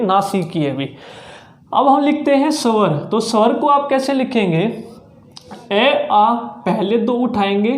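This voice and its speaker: A teacher giving an exam-prep grammar lesson, drilling slowly and sounding out each letter aloud to demonstrate. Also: medium pitch, darkish tone. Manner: slow, repetitive drilling with frequent "ठीक है" checks. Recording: roomy echo.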